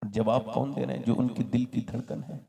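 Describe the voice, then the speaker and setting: A man preaching an Islamic sermon, telling a story with passion and rising to loud shouts as he questions the crowd. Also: mid-range voice, level tone, brisk, creaky. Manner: addresses the crowd directly with questions.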